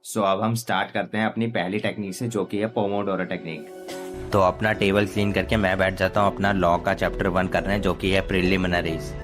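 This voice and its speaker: A man's voice: sits low, flat delivery, normal speed. A young man narrating his study vlog casually, explaining each step in Hindi mixed with English words. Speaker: student vlogger. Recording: voice-over with clear background music.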